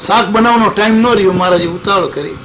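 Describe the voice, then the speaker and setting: A man with a Gujarati accent telling a devotional story in an animated way, voicing the characters' dialogue. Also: high-pitched, fast talker, a little hiss or hum, poor audio. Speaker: religious storyteller.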